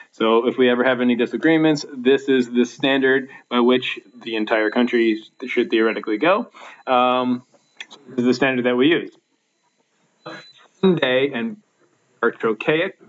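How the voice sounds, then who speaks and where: A man talks through a recorded lesson as the class teacher, unhurried and methodical, often pausing on "um" and restarting his sentences. His voice sits at an ordinary middle pitch, and the recording sounds a little dull and lo-fi. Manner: explaining patiently with fillers and restarts.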